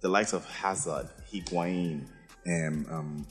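A man's voice: sits low, slow, faint music behind. A man co-hosting a podcast, arguing about football in a casual way, full of rhetorical questions. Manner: animated, rhetorical questions, acts out quotes. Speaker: podcast co-host.

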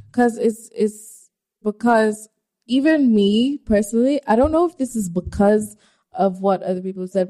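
A woman's voice: mid-range voice, mellow. A woman from South Africa, a podcast guest, talking casually and candidly, thinking aloud. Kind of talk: casual discussion.

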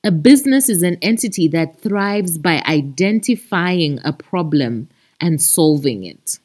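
Her voice is fairly low and darkish, animated yet measured in pace. A Zambian-accented podcast host, she chats expressively to her listeners as if they were friends, working announcements into her monologue.

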